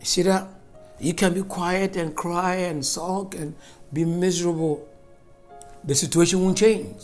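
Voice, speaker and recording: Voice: mid-range voice, steady tone, unhurried, darkish tone, soft background music. A preacher giving a fervent, emphatic sermon and spoken prayer, repeating phrases for stress.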